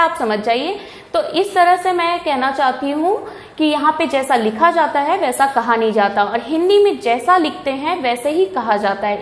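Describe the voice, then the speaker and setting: Woman teacher, high voice, explanatory school speech in an echoey room with faint noise. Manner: explanatory, lists examples slowly. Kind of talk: Hindi Day speech.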